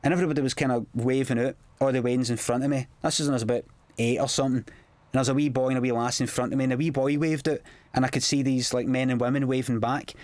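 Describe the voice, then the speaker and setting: A man's voice: medium pitch, steady tone, fast talker, darkish tone, no room sound. A Scottish man giving casual DVD commentary on his comedy show, chatty and self-mocking, telling anecdotes in local slang.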